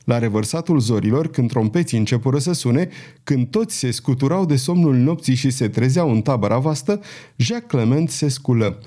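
A male audiobook narrator reads a dramatic story with much expression. His voice is mellow and warm, and his pitch rises and falls widely across each sentence. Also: animated. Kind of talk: scripted narration.

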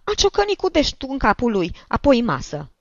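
A pushy old woman whines and scolds in a shrill, squeaky voice. Her pitch leaps wildly up and down, and the sound is close and dry. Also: wildly swooping pitch, dry recording, exaggerated voice. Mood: complaining. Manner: whining, indignant, loud. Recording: dull lo-fi recording.

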